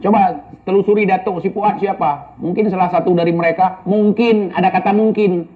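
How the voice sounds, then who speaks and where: A man's voice: sits high, fairly even intonation, brisk. A man giving casual spoken commentary and answering viewer questions, blunt and scolding, full of rhetorical questions. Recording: tinny phone-like audio.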